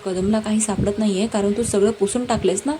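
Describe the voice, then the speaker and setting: A woman's voice: medium pitch, fairly even intonation, fairly quick, dark tone, lightly acted. A woman voicing an angry, stubborn young man who demands answers, over a noisy background.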